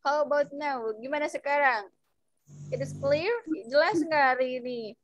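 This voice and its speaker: A young woman with an Indonesian accent teaching children English over a video call, switching between English and Indonesian and spelling out phrases slowly for her pupils. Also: high-pitched, no room sound, poor audio. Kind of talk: online English lesson for children.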